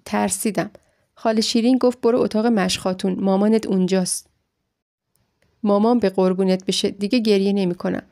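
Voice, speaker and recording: A woman reading a first-person story aloud in a steady, emotional storytelling manner. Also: mid-range voice, creaky. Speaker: audiobook narrator.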